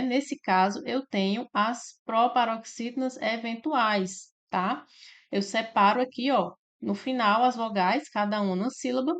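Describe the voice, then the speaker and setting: A woman with a Brazilian Portuguese accent teaching a grammar lesson for exam prep. She explains step by step, slowly drawing out syllables and checking in with "né?" and "tá?". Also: medium pitch. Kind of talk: slide-based grammar lesson.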